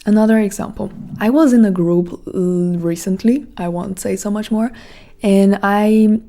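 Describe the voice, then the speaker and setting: Speaking unhurriedly in a relaxed, mellow voice of middle pitch, a podcast host with a Brazilian Portuguese accent delivers a casual monologue. She reflects aloud and rambles, leaning heavily on "like."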